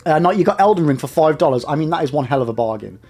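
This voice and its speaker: A man's voice: on the high side, expressive, racing, a little mellow, faint music behind. A young man streaming live, rambling casually and talking straight to his chat. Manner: chatty, rambling, addresses chat directly.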